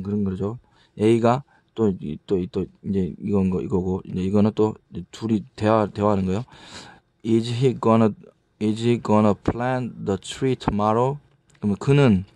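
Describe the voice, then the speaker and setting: A man teaching English grammar in a casual, halting lecture, often restarting words and reading example sentences slowly with a Korean accent. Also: lowish voice, warm tone, no echo. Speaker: English tutor.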